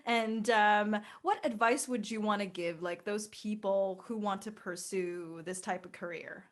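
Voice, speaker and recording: A woman's voice: medium pitch, unhurried. A woman hosting a casual podcast interview, encouraging her guest and laughing along. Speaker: podcast host.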